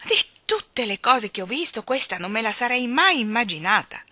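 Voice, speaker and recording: Brief: shrill plump landlady, loud and exclamatory, high and bright, played by a woman reader. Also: big pitch swings, a little slow, no echo, full character voice. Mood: indignant.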